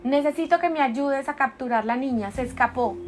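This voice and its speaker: A woman voicing a wicked, bossy witch aunt who talks loudly and sharply. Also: high-pitched, moderate pace, noisy background, natural voice. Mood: commanding. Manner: loud, sharp, scolding.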